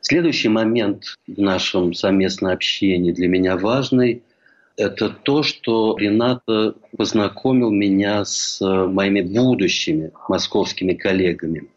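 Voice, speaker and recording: An older man from St. Petersburg telling a measured, reflective memoir as a historian recalling a colleague. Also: low voice, steady tone. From Russia, St. Petersburg. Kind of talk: memoir lecture. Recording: dull lo-fi recording.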